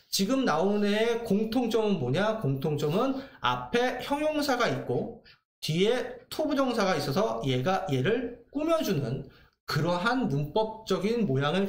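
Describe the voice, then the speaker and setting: A man teaching English grammar in a lively lecture, asking questions and answering them himself. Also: sits high, echoey room. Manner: lively, asks and answers his own questions.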